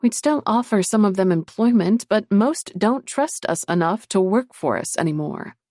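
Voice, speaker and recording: A woman voicing an earnest, caring young woman in an audiobook, lifting her voice higher and louder than her narration. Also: lively intonation, normal speed, no room sound, studio quality, natural voice.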